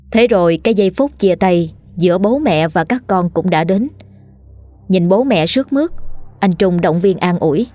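A woman narrating a scripted ghost story in a steady, measured way. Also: lowish voice, no room sound.

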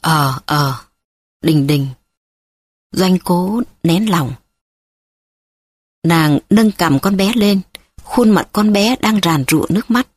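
Husky woman narrating a novel. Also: medium pitch, dry recording.

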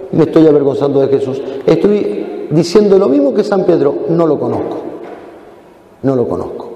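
A man's voice: sits high, mellow, highs cut off. A male priest with a Mendoza Argentine accent, preaching a homily to children in a dramatic manner, acting out dialogues. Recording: echoey church hall.

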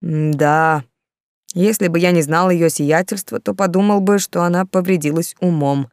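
A woman's voice: low-pitched, moderate pace, no echo, clean studio sound, natural voice. A woman reading the part of a lazy, sarcastic young count who drawls his words. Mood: sardonic. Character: lazy sardonic young count, fond of wine.

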